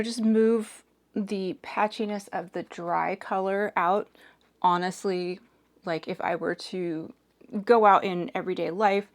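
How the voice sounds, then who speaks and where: Hoarse, chatty woman in her forties. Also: lowish voice. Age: 40s. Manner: chatty, hedging with "like" and "sort of". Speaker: makeup reviewer. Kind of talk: casual chat while doing makeup.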